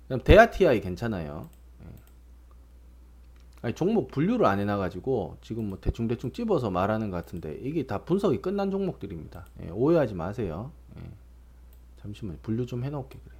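A man's voice: lowish voice, very animated, a little fast, darkish tone, husky. A man giving casual stock market commentary, rambling and provocative, tossing out constant tag questions.

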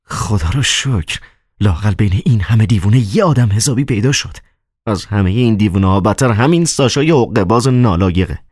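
A man voicing a furious 23-year-old male poet who shouts insults in a high, harsh voice. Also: expressive, slightly rough, no room sound, studio quality. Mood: suspicious.

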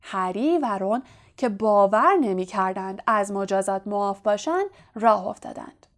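A woman reading an audiobook chapter aloud in a steady scripted narration. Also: medium pitch.

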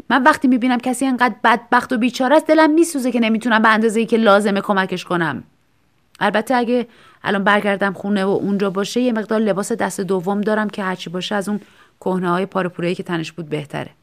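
A woman's voice: mid-range voice, lightly acted. A woman voicing an easily upset young man who exclaims in protest, in a storybook reading. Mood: indignant. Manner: exclaiming, indignant.

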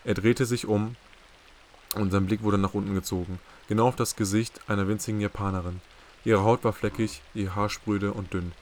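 A man narrating a novel chapter as a hobby audiobook, with steady, measured storytelling. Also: fairly low pitch, slight background noise. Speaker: audiobook reader.

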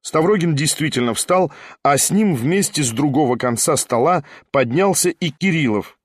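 A man narrating a classic novel as an audiobook in an expressive, dramatic reading. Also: fairly high pitch, moderate pace, slightly rough, dry recording, clean studio sound. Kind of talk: scripted literary narration.

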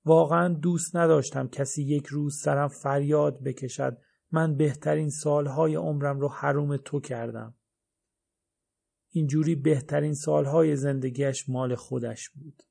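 A male narrator reads a novel aloud in the first person with a wry, dry delivery. His voice has a gravelly, creaky texture at a middle pitch. It has the steady feel of a recorded audiobook.

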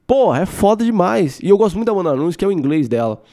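A man with a Brazilian Portuguese accent hosting a podcast, talking in an animated, casual monologue, swearing and laughing often. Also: high-pitched, fast talker. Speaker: podcast host.

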